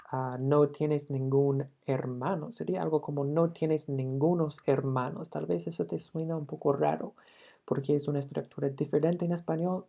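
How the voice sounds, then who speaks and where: Low dark-voiced woman teaching english grammar, slow and careful, repeats every example. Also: vocal fry. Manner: slow, careful model sentences, repeated for learners. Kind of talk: grammar lesson.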